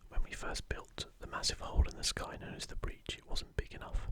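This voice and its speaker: Here a male gaming ASMR creator delivers gentle, unhurried commentary in a soft, breathy, unvoiced whisper. Between casual remarks, he reads passages aloud.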